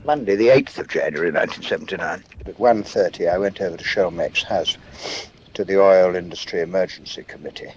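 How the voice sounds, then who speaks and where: A middle-aged man dictating his diary in measured, dated entries with uh and um pauses, heard from a worn tape copy. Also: deep voice. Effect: worn tape copy, muffled with hiss. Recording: muffled old cassette tape with hiss.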